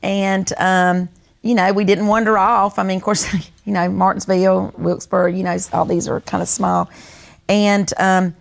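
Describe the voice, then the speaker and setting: A woman in her sixties from North Carolina, United States, speaks with a North Carolina Southern American accent as a co-host, telling stories and reminiscing in casual conversation. Her mid-range voice is creaky, with a flat delivery at normal speed.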